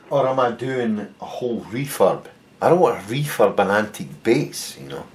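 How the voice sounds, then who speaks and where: A Scottish man working through a casual workshop tutorial as a bass luthier, muttering wry jokes and swearing casually. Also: expressive, moderate pace. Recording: echoey room.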